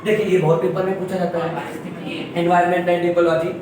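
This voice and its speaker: A man's voice: high-pitched, little pitch movement, quick pace, noisy background. A man from Uttar Pradesh teaching a classroom lesson, quizzing his students and repeating each word for the class. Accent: Uttar Pradesh Hindi. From Uttar Pradesh, India. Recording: echoey classroom from far off.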